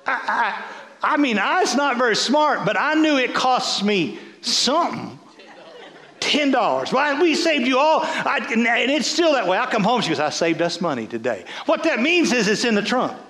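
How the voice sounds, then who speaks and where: A pastor preaching a sermon, telling stories with many stammering restarts. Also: male voice, extremely high pitch, normal speed. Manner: storytelling, animated, stammering restarts.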